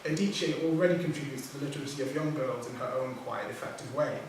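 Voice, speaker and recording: In an echoey theatre hall, picked up from far away amid background noise, a poet on a writers' panel reads his prepared remarks in a mid-range voice, steady and measured with occasional small corrections. He is a first-language English speaker of Nigerian heritage raised outside Nigeria.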